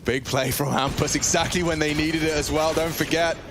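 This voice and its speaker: A man's voice: a little high, steady tone, brisk, noisy background. A man giving live esports commentary as a play-by-play caster, in clipped running phrases.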